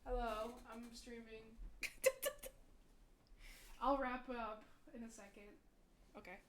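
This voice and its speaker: A woman's voice: fairly high pitch, steady tone, takes it slowly, background noise. A young woman VTuber chatting casually with her stream viewers, rambling and giggling often.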